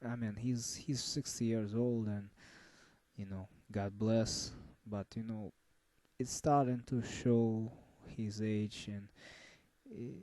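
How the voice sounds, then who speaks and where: A man giving a casual album review, halting and full of fillers and restarts. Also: fairly low pitch, steady tone, dark tone, no room sound. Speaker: music reviewer.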